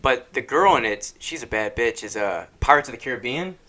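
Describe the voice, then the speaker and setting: A man's voice: mid-range voice, expressive, brisk, bright, forceful tone. A young man co-hosting a podcast, talking in a rambling, casual way with lots of fillers and laughs. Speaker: podcast co-host. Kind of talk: casual chat.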